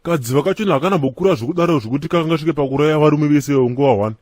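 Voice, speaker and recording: Close to an everyday voice and on the high side, the actor's recording is dry. He plays Chikombera, a talkative adult male apostolic church member in a Zimbabwean comic cartoon, delivering lively, fast, excitable lines full of arguing and laughter.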